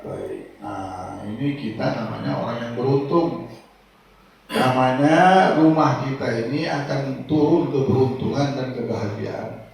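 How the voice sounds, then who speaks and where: A man preaching a sermon, swinging between soft low asides and loud raised exhortation. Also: gravelly. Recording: echoey hall, voice from far off.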